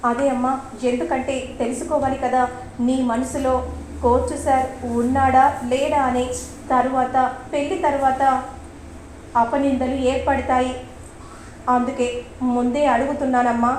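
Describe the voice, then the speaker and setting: A woman's voice: high voice, level tone, moderate pace, pauses often, a little mellow, roomy sound, a little hiss or hum, lightly acted, low-quality recording. A woman voicing a stern, protective middle-aged father who questions his daughter firmly. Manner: firm, questioning.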